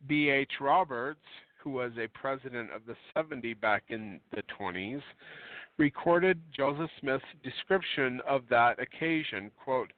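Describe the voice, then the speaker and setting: A man reading a religious book aloud with digressive asides, often clearing his throat and correcting himself. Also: mid-range voice, lively intonation, a little slow, no echo. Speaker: religious radio reader and commentator. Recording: dry tinny phone-line audio.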